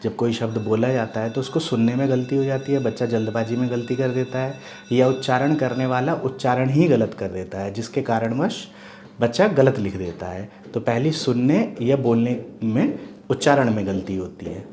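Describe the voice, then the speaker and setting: A man's voice: medium pitch, moderate pace. Man explaining a lesson patiently. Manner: patient, steady teacherly explaining with rhetorical checks. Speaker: Hindi teacher.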